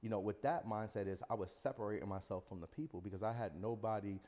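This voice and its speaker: A fast-talking man with a lowish, warm voice tells his story as a guest on a podcast. He's an entrepreneur from the Bronx, New York, and he's emphatic, repeating phrases and checking in with "you know what I'm saying." The room has a reverberant, hall-like echo.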